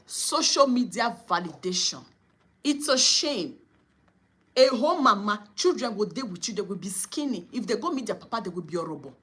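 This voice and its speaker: Indignant husky Nigerian woman vlogger. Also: medium pitch, lively intonation, moderate pace, a bit bright. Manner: indignant, scolding, emphatic. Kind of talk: commentary, mixing English and Pidgin.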